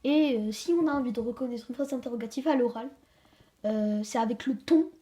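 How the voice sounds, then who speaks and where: A woman hosting a home-made grammar lesson, hesitant, with many fillers and restarts, slowing down to stress example sentences. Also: a little high, warm tone. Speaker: channel host teaching a French grammar lesson. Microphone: camera she handles herself.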